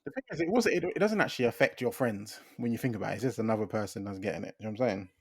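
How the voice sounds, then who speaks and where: A man's voice: fairly low pitch, racing, breathy edge, no room sound, clean studio sound. A man from the UK co-hosting a casual podcast, laid-back and laughing between remarks. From United Kingdom. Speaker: podcast co-host. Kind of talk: casual chat.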